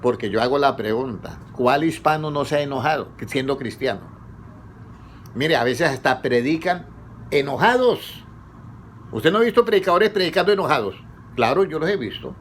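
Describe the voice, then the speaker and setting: A man preaching conversationally, asking his congregation questions and letting them answer, his pitch rising on each question. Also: animated, moderate pace, a little hiss or hum. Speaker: pastor leading a Bible study. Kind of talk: conversational sermon.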